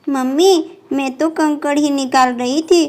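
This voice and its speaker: A stubborn, playful little girl , acted by a woman, pleads and chatters eagerly in a doll storybook. Her voice is high and pushed up in pitch, with a slow, careful delivery. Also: fairly even intonation, a little mellow.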